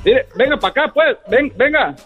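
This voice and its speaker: Stammering Mexican rancher caller, very high and muffled, a man putting him on. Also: expressive, slightly rough, faint music behind, exaggerated voice. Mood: rambling. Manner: rambling, stammering, drawn-out rural talk. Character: boastful rural rancher man calling in.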